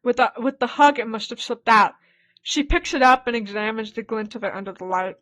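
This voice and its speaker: Streamer reading a dating game, laughing. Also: female voice, fairly high pitch, a little fast. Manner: animated, laughing asides between read lines. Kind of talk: reading game text aloud with live reactions.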